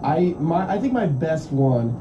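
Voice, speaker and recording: A man in casual chat, telling stories quickly and with lots of swearing. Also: on the high side, big pitch swings. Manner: fast profane storytelling. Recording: distant dull mic in echoey room with noise.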